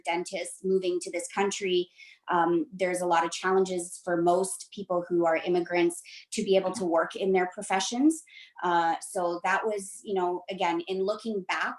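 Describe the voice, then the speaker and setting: Middle-aged woman from romania, lowish voice, calm and reflective, roomy echo. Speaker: guest. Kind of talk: interview conversation.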